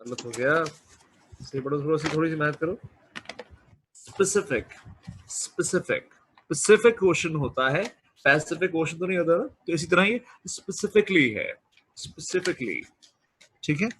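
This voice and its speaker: A male teacher giving a classroom lecture, coaxing students and drilling pronunciation by slowly repeating words. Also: a little high, a bit bright, slight background noise. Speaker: business English teacher.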